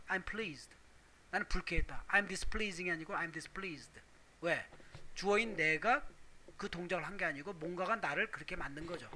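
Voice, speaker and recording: A Korean man teaching English grammar, explaining step by step with rhetorical questions and reading English examples slowly. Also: sits high, bright, forceful tone, a little hiss or hum. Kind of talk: recorded grammar lecture.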